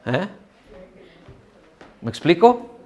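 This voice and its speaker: A man's voice: high-pitched, very animated, extremely slow. A middle-aged man, preaching a sermon in a church hall. He talks in a conversational way, keeps asking the congregation questions and acts out the voices of people he quotes. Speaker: pastor.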